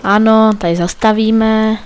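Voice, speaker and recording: High-pitched guy goofing around on a let's play, jokey game commentary. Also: steady tone, noisy background. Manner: joking, playful exclamations.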